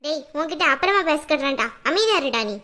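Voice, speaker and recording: Woman playing a bossy old aunt, lower than her usual voice but still bright, scolding and lecturing in a family skit. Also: expressive, fast. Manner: scolding, blunt, lectures the nephew. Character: stern older aunt, scolding elder of the family.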